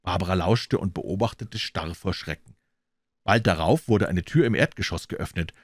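A man reading a crime novel aloud as audiobook narration, calm and measured. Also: deep voice, no echo, studio quality. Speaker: audiobook reader.

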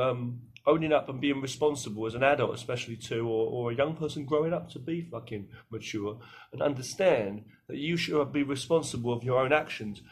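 A man's voice: a little high, slight background noise. A man giving a blunt monologue to camera, swearing heavily and firing rhetorical questions at the listener. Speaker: vlogger.

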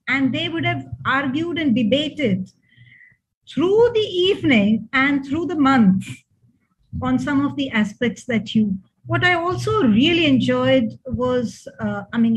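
Husky older Indian-accented woman, higher pitched. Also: expressive, unhurried. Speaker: speaker giving thanks and family memories. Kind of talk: informal speech of thanks and reminiscence. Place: indoor room, on a video call. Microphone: computer mic on video call. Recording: dull video call audio.

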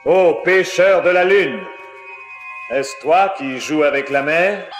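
A man's voice: on the high side, measured pace, close to an everyday voice. Male actor for an ancient magician, ceremonial and wise, roomy echo over music. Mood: solemn. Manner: solemn, ceremonial questioning. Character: eldest magician, old, solemn and wise man.

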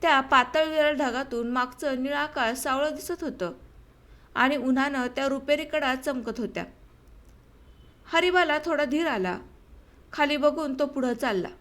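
A woman narrating a short story for an audiobook in a steady storytelling manner. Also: sits high, unhurried, long pauses.

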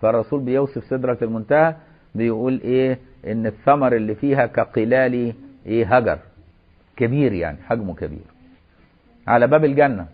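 An Egyptian-accented man teaches at a quick clip, reciting a formal text and then breaking into chatty colloquial asides. His voice comes through a thin, phone-like recording with little low end. Mid-pitched and steady, he sounds like a religious teacher working through a lesson. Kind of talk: reading a classical text aloud and explaining it.

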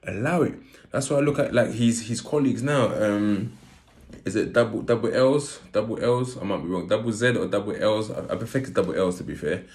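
Man, London roadman accent, lowish pitch, casual street-slang storytelling, emphatic repeats. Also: brisk, a little mellow. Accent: London, urban street. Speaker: vlogger. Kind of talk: casual personal storytelling to camera.

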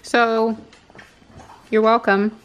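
A woman's voice: a little high, drawn-out words, muffled recording, a loud crowd. A woman and mother chatting casually and playfully with her family on a home vlog. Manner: playful and laughing, lively. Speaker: mother and vlogger. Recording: handheld home video with background noise.

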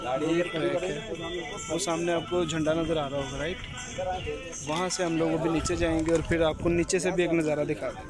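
A man's voice: a little high, little pitch movement, normal speed, over loud music. A young man from Pakistan holding a phone at arm's length outdoors, talking to viewers in a chatty, promotional way as a travel vlogger and tour organizer. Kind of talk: selfie travel vlog. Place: outdoors by a road and on a hill trail. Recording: noisy outdoor phone recording.

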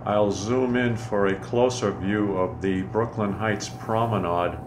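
A man narrating a casual walking tour in a measured, informative way, speaking from behind a handheld camera outdoors on a city pier. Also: fairly low pitch, steady tone. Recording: camera audio with clear outdoor noise.

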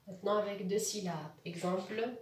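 A woman teacher explaining reading exercises to other teachers, sounding out words slowly syllable by syllable. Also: medium pitch, fairly even intonation, recorded from a distance. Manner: slow, syllable-by-syllable demonstration. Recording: echoey room with faint noise.

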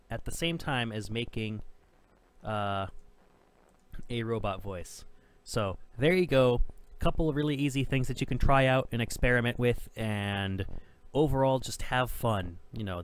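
A young man hosting a casual audio software tutorial, rambling and loose with fillers. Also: medium pitch. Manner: rambling, with many fillers and restarts. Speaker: tutorial host.

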